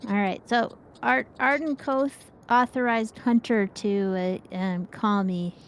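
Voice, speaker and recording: Co-hosting a gaming show, a woman chats casually while playing an online game, rambling playfully. Her voice sits on the high side and moves slowly, with a slight hiss or hum in the audio.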